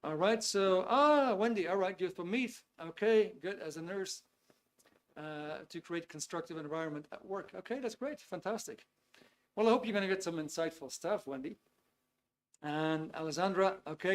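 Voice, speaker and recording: Speaking at normal speed in a voice on the high side, a webinar host from the Netherlands, a man in his fifties with a Dutch accent, runs a live online session. He's easygoing and chatty, hesitating a lot, and is picked up by a video call computer mic.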